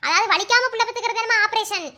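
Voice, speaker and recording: A woman acting as a female doctor who gives steady, lecturing advice to a couple in a family skit. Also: extremely high pitch, quick pace, full character voice. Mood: advising. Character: calm advising female doctor.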